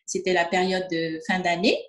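In a testimonial interview, a distributor from French Guiana in her fifties tells her story with many hesitations and fillers, acting out quoted dialogue. Her lowish voice keeps a steady tone at a moderate pace, and the sound is roomy.

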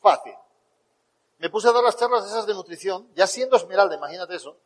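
High-voiced man telling stories. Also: fairly quick. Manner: animated storyteller, acts out quotes. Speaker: motivational speaker. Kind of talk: storytelling talk to an audience. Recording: long hall reverb.

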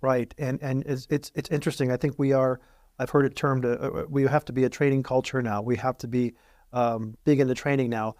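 A man's voice: medium pitch, flat delivery, brisk, a little mellow, no echo, studio quality. Upbeat middle-aged man hosting an interview. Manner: upbeat, enthusiastic reactions. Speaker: podcast host. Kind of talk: studio interview questions. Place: podcast studio set.

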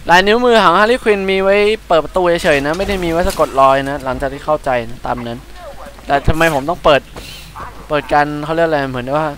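A young man with a Thai accent giving chatty, excitable let's-play commentary, often startled into quick exclamations. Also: on the high side, slight background noise, poor audio. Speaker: gaming channel host.

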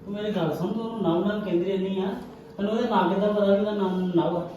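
A man playing a patient, kindly husband and elder brother in a family drama, speaking in a calm, reassuring way. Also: high-pitched, very fast, recorded from a distance, highs cut off, slight background noise, close to an everyday voice. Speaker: actor in a family web drama. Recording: echoey room, faint music.

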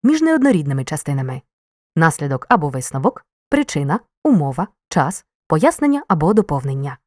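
A woman narrating a scripted grammar lesson, reading example sentences in a clear, measured way with marked intonation. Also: low-pitched, sing-song, a little mellow, no echo, studio quality.

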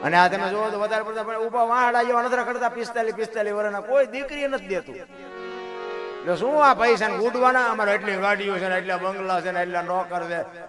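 A man delivers an animated folk sermon from a stage, speaking straight to his listeners. His voice sits high for a man and leaps into loud bursts. Musical instruments play clearly behind him throughout this live recording. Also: fast, over music. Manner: animated, calls listeners 'bapu', sudden loud rises. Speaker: folk storyteller. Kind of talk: folk storytelling sermon before an audience.

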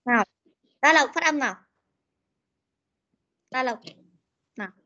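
A young woman teaching an online pronunciation drill over a video call, correcting and repeating words slowly and patiently. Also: high voice, expressive, bright, forceful tone, highs cut off. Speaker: English teacher.

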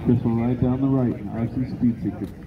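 A man announcing race lanes and results in brisk, clipped calls at an outdoor race event. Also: mid-range voice, steady tone, phone-quality sound, noisy background. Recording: over a loud crowd.

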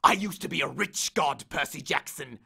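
For an audiobook, a man voices an angry, aggrieved male god of the dead who bellows complaints and threats in an aggrieved rant. His heavily acted voice is a little high, creaky, husky, pushed and bright, at a normal speed.

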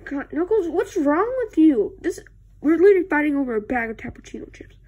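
A woman's voice: sits high, lively intonation, a little fast, warm tone, lo-fi sound. A woman doing Sonic, a bossy, bickering young hedgehog. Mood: taunting. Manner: exasperated bickering, mocking insults. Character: bossy young male blue hedgehog hero, easily annoyed. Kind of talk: homemade fan skit.

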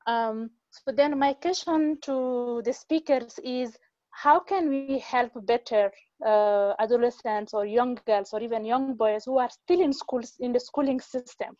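A woman in her forties from Mali, making an earnest, halting comment over a video call with many fillers. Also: a little high, dark tone, no echo, muffled recording. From Mali, West Africa. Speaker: audience participant in online talk.

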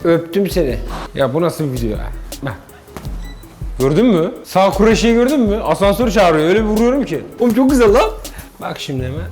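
A man vlogging in a joking, animated way, talking to his viewers. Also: sits high, fairly quick, soft background music. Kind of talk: comedic vlog.

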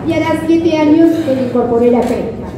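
A middle-aged woman with a Rioplatense Argentine accent, a kayak fishing safety instructor, gives a live conversational talk to a seated audience in a large hard-floored club hall, often checking in with question tags. Her high-pitched voice is fast, with background noise. She uses a handheld mic over the PA, recorded by a distant camera, so the audio is echoey with crowd murmur.

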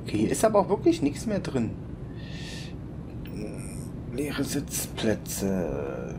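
A man commenting casually on his own gameplay, musing and chuckling as he thinks aloud. He talks slowly with a lively pitch, while the game's engine rumble plays underneath. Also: gravelly. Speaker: let's play commentator.

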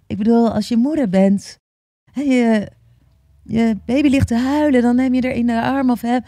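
Woman yoga teacher as podcast guest; earnest, halting, repeats words; warm and dry. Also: a little high, no room sound. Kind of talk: open conversational interview.

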